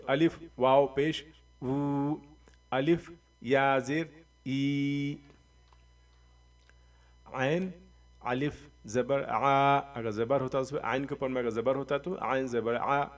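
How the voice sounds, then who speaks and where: A man teaching Quran reading, spelling out letters and vowel marks slowly and drawing them out, with quick explanations in between. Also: mid-range voice, recorded from a distance. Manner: slow drawn-out recitation of letters, quick asides. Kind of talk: spelling out syllables in a lesson.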